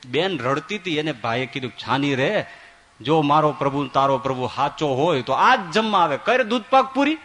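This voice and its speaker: A man giving a sermon as a swami, telling stories with voiced quotes and swinging from loud to soft. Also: medium pitch, expressive, moderate pace, a little hiss or hum. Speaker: swami preacher.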